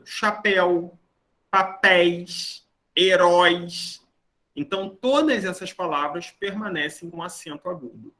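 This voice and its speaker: Bright high-voiced male teacher. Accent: Brazilian Portuguese. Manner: explanatory, checks in with the class often. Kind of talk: online grammar lecture.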